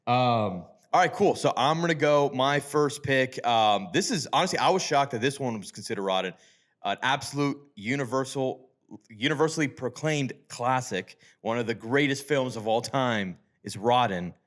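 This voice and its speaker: A young man hosts a relaxed movie talk, rambling with plenty of "like"s and easy laughs. His voice sits at an ordinary middle pitch. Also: moderate pace. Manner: loose, filler-heavy, laughs often. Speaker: podcast host. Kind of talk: casual chat.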